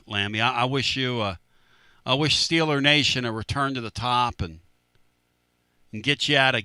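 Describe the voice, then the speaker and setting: A man's voice: medium pitch, sharp tone, clear, resonant tone, no room sound. A man hosting a sports talk radio show, telling a story in a casual, emphatic way and repeating phrases.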